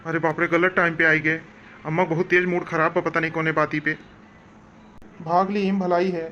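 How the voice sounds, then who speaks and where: A man's voice: a little high, level tone, normal speed, bright, forceful tone, dull audio, a little hiss or hum. A man playing an easygoing young husband who coaxes and soothes in an in a comedy skit. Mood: nervous.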